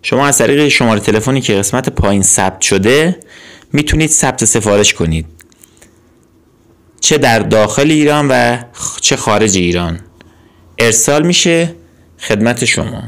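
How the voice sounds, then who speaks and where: A man teaching a language lesson, saying words slowly and then giving their meaning, with patient repetition. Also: mid-range voice, fairly bright tone.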